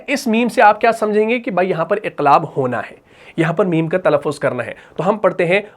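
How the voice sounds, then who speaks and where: A man with a fairly high voice teaching Quran recitation rules. He explains patiently, repeats each point, and checks with questions. His examples come in slow, drawn-out recitation. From Pakistan.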